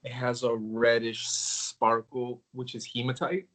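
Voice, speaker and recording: A man in casual conversation about crystals, talking in a relaxed, rambling way with many filler words. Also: mid-range voice, measured pace, rough recording. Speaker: crystal collector.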